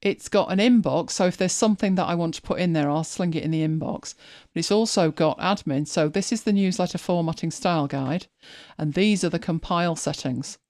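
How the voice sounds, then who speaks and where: A woman's voice: fairly low pitch, brisk, hardly any pauses, a little mellow, no echo, clean studio sound. A woman hosting a live stream, chatting casually as she walks viewers through her screen, thinking aloud and often restarting her sentences. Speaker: host.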